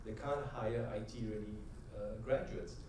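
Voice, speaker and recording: A fairly low, fairly even voice at normal speed belongs to a middle-aged man giving a conversational conference talk rich in anecdotes. He often adds "right?" and builds to rhythmic, emphatic punchlines. A distant mic in the large convention hall captures echo and slight background noise.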